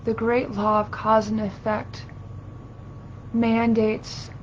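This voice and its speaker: A woman channeling as a seance medium, giving a solemn spiritual sermon in formal, archaic, halting phrases as a collective "we". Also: level tone. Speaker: trance channeler. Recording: dull lo-fi audio with low rumbling noise.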